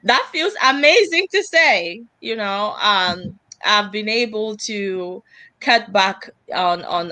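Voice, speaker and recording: A young woman from Cameroon, a guest on a live online interview, friendly and quick to laugh, repeating words as she goes. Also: on the low side, a bit bright, no echo.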